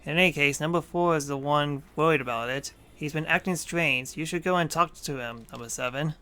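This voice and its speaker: A man's voice: on the high side, brisk, sharp tone. A man voicing a blunt soldier who speaks casually to a comrade. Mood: concerned. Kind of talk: video game cutscene acting.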